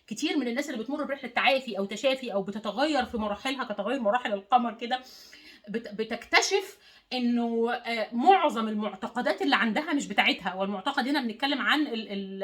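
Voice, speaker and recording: Egyptian woman life coach, motivational talk, high voice, very fast, hammers points through repetition. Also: a bit bright. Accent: Egyptian Arabic. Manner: emphatic, repeats words and phrases for stress.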